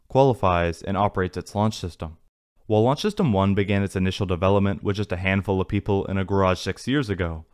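Guy reading a tech script voice-over, kinda low voice, steady and even. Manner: even, technical, read from a script. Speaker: narrator of a space news channel. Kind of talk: scripted narration. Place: voice-over, not in the pictured places.

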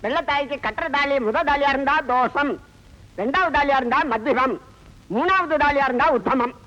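A solemn chanting priest. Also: male voice, extremely high pitch, bright, forceful tone. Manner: chanting, measured. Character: solemn old temple priest reciting remedies. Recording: dull film soundtrack with long reverb.

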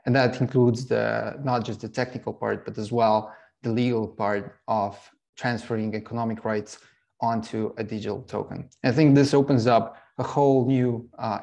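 A middle-aged man from Slovenia presents his company to an online workshop, his voice carrying a gravelly edge. He talks haltingly, filling gaps with fillers and restarting phrases. The sound comes through a video call from a home office. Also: medium pitch, darkish tone. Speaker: startup CEO presenting.

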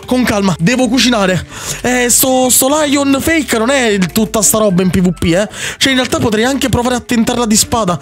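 Excitable high-voiced Italian gamer man. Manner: excitable, rapid repetitions, teasing opponent. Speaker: Minecraft YouTuber. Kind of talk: gameplay commentary.

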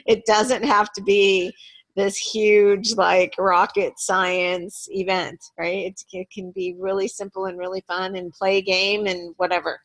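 A woman hosting a team video call, chatty and upbeat, with lots of fillers and laughter. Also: mid-range voice. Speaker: meeting host. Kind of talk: casual video call meeting.

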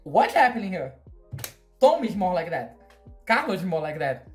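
A woman hosting casual reaction commentary, animated and outspoken, jumping between loud outbursts and low mutters. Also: moderate pace, soft background music. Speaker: TV reaction host.

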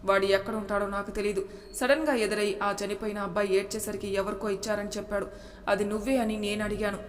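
Casual storybook voice of a frantic young mom, put on by a woman narrator, pleading and tearful, kinda flat, echoey room w/ faint hiss. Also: mid-range voice, fast talker, lightly acted. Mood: accusing. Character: anguished young mother Vinitha, desperate. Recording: reverberant room with faint noise.

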